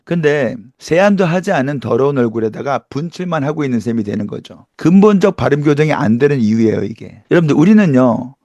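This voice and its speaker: A man's voice: mid-range voice, lively intonation, brisk, few pauses, dark tone, no room sound, dull audio. A middle-aged man teaching English pronunciation in an emphatic lecture style, asking rhetorical questions and demonstrating sounds. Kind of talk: lively online lecture.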